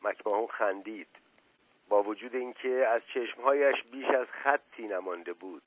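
A man reading a novel aloud in a steady, measured way, as the regular reader of a radio program. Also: fairly low pitch, slightly rough, no room sound, poor audio.

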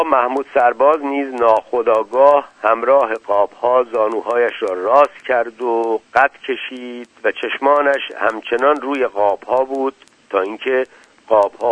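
A man's voice: mid-range voice, no echo. Man narrating a story, dull sound. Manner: dramatic, voices characters.

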